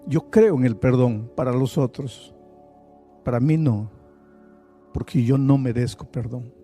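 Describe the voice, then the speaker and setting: A man voicing a guilt-ridden woman, a former missionary, who confesses in a low, quiet, halting voice. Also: soft background music, lightly acted. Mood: despairing, tearful.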